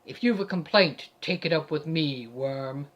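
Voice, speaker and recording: A woman voicing a haughty, self-righteous male paladin who speaks slowly and coldly. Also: a little high, fairly bright tone, dull audio, voice pushed down. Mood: menacing.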